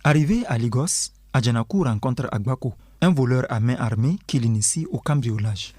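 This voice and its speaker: A man presenting a literary radio programme, reading a scripted introduction and summary in a measured, formal announcer style. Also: medium pitch, darkish tone, breathy edge, dry recording, clean studio sound.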